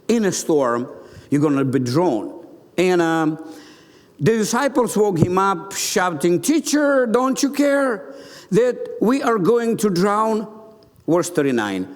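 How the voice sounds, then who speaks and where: Animated male preacher in a reverberant church. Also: a little high. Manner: animated, acting out the scene. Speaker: bishop preaching. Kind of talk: sermon. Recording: long hall reverb.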